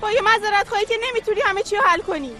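Indignant, whining customer. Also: female voice, very high-pitched, sharp tone, soft background music. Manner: complaining, whiny. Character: angry customer with a ruined dress. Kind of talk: dubbed drama acting.

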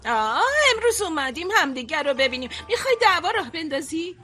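A woman's voice: high voice, very animated, bright, forceful tone, faint music behind, full character voice. Fussing, hesitant mother. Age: middle-aged. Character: lonely mother of a grown daughter. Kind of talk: dubbed drama acting.

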